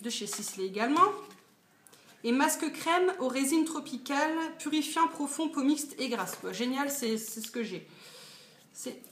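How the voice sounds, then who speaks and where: A woman's voice: sits high, expressive, normal speed, a bit bright. A woman in her twenties chatting casually about her purchases in a beauty haul video, with lots of fillers. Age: 20s. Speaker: beauty vlogger. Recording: echoey room, faint noise.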